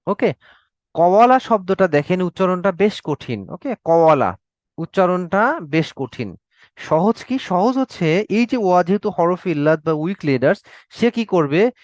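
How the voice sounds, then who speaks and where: A Bangladeshi male teacher giving an online Arabic class, his voice sitting a touch high for a man. He explains slowly and repeats key words, checking in with "okay?" again and again. The sound is close and dry, with no room around it. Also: lively intonation, dry recording. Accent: Bangladeshi Bengali.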